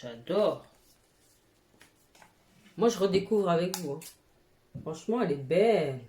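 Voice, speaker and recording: Her voice is on the low side, warm, animated, and a little slow. At home with her cat nearby, this beauty vlogger gushes in a casual haul chat full of exclamations and casual swearing, and the echoey room has faint noise.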